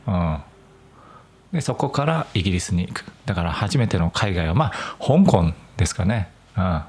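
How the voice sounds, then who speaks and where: Low, lively man explaining clearly. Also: normal speed. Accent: mostly standard Japanese with slight Nagoya touches. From Nagoya, Japan. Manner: clear, careful explaining with a relaxed, chatty tone. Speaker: podcast host. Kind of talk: solo podcast for language learners.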